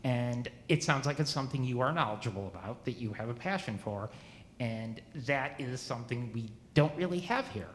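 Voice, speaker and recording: In an echoey church meeting room, a halting man in his 40s asks questions as a church member, stumbling and restarting often. His voice is mid-range with lively intonation, and there is slight background noise.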